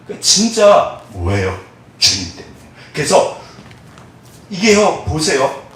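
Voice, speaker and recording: Preaching from a church sanctuary, this pastor has a fairly high voice and a slightly slow delivery. He's expressive, voicing the words of congregation members, and turns soft and hushed when he prays. It's recorded from a distance in an echoey hall.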